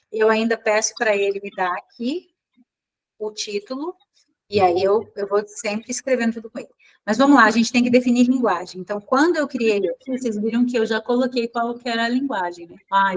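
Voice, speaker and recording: A woman's voice: a little high, rough recording. Chatty woman teaching online. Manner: informal, thinks aloud, corrects herself. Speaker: mentor teaching a class. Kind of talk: live online class demo.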